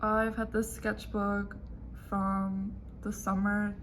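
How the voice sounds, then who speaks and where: Soft-spoken young woman from Argentina. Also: mid-range voice, completely flat delivery, takes it slowly, a little hiss or hum. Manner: soft-spoken, hesitant with fillers. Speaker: art student. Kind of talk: casual interview answers. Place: classroom.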